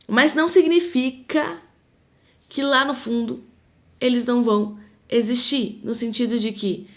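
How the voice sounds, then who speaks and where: Earnest woman preaching conversationally. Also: medium pitch. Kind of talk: live devotional teaching.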